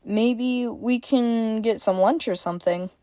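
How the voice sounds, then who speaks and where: A woman's voice: on the high side, slow pace, no echo, clean studio sound. A woman voicing a cheerful, teasing young woman in a story she reads aloud. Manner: bright and teasing.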